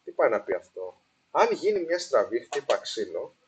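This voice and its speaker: A man's voice: mid-range voice, sing-song, slight background noise. A man hosting a casual explainer on investing, slipping English phrases into his talk with many fillers and restarts, recorded with poor sound. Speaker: investing video host. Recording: poor sound quality, apologized for.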